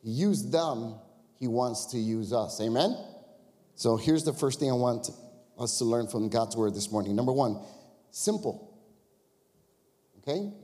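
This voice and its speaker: A man's voice: medium pitch, measured pace, long pauses, dark tone. A male pastor preaching a sermon to his church, telling a personal story in a chatty way with frequent "right?" and "you know?" asides. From Chicago area. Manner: conversational storytelling with confessions and crowd asides. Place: church sanctuary. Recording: long reverb of a church hall.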